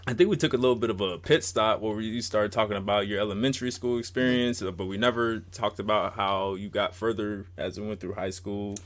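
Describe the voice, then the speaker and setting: A man's voice: fairly low pitch, fairly even intonation, fairly quick, hardly any pauses. A man co-hosting a casual podcast, talking in a playful, slangy way. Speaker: podcast co-host. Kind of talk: casual chat.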